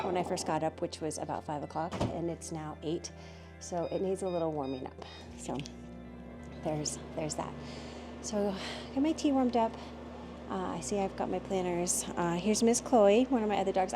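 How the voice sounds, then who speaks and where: A middle-aged woman from the United States chatting casually through a home vlog, meandering from one thing to the next as she shows her house. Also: lowish voice. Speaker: author vlogging her day.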